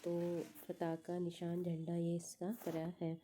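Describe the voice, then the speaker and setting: A woman's voice: fairly low pitch, monotone, unhurried, background noise. A woman teaching exam prep, going through test answers one by one, repeating each answer and thinking aloud with fillers.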